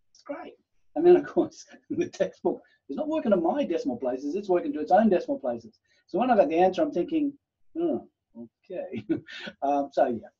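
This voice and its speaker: A man's voice: a little high, mellow, husky. A man, a university lecturer giving an online class in a chatty, rambling way, full of fillers and acted-out quotes. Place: home room, video call. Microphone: computer microphone on a video call. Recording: muffled video call audio.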